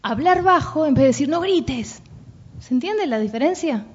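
On a dull, lo-fi recording, a parenting workshop speaker with a Rioplatense Spanish accent chats informally, her high voice lively and a little fast. She keeps checking in with her listeners, frequently asking "¿no?" and "¿sí?".

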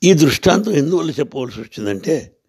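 A man's voice: fairly high pitch, big pitch swings, fairly quick, darkish tone, breathy edge. A man telling a devotional story, asking rhetorical questions and answering them himself.

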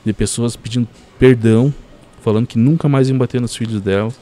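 Speaking a little fast in a mid-range voice, this man is a podcast guest spinning a story. His delivery is lively and full of fillers such as "cara" and "assim, ó".

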